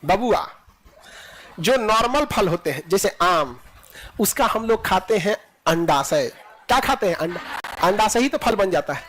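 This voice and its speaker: A man's voice: high voice, animated, unhurried, fairly bright tone, slight background noise. A man teaching a classroom biology lecture, joking and teasing his students and laughing often.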